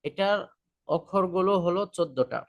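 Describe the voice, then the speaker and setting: A man teaching an Arabic lesson, drawing out each example word slowly and carefully for learners. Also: high-pitched. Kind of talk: language lesson.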